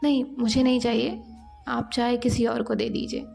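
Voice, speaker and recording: Cheeky, carefree young office woman, breezy and teasing, voiced by a woman in a high, slightly gravelly tone. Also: lively intonation, normal speed, a little mellow, soft background music.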